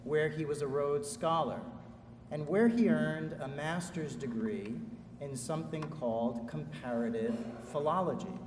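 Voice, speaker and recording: A man's voice: fairly high pitch, darkish tone. Echoey, distant man giving a formal speech. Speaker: ceremony speaker introducing an orator. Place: large indoor hall at a school commencement. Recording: echoey hall, distant mic, faint noise.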